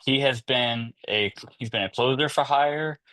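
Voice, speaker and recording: A man hosting a podcast interview, relaxed and conversational, with casual fillers and a loose, easygoing delivery. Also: medium pitch, a little slow. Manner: relaxed, conversational, drawling "kinda" and "y'all". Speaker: podcast host.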